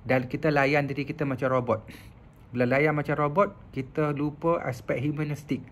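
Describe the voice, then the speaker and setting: A male professor talks in a chatty, storytelling way, dropping frequent filler sounds. His voice sits fairly high for a man, with faint room ambience behind him. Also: level tone, moderate pace, slight background noise. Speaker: professor giving a talk on mental health. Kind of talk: casual explanatory talk.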